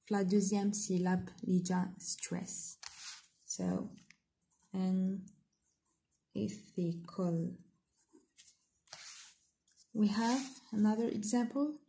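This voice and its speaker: A woman English teacher with an Algerian accent, going through pronunciation exercises, drawing out model words slowly between quick asides. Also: mid-range voice, warm tone. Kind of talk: spoken exercise walkthrough.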